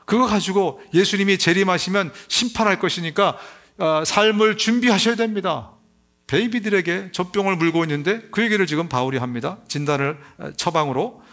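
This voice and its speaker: A middle-aged man preaching a sermon in a notably high voice. He speaks with emphatic, rising force and raises his voice further when he acts out crying babies. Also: brisk, fairly bright tone. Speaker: pastor.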